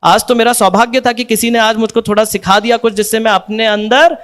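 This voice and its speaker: A man voicing a humble male devotee who is grateful for being corrected, speaking softly and meekly. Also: high-pitched, fairly even intonation, a little fast.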